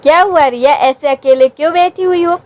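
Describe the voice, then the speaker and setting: Lady reading as gentle father-in-law in a story, calm and kind. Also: high voice, normal speed, close to an everyday voice. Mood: reassuring. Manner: gentle, reassuring. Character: kindly father-in-law, reassuring.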